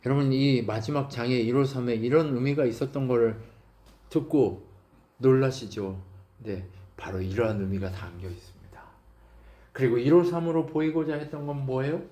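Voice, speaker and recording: A man's voice: mid-range voice, normal speed, dark tone. A male pastor preaching a sermon, often asking the congregation questions and acting out bits of dialogue. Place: church sanctuary.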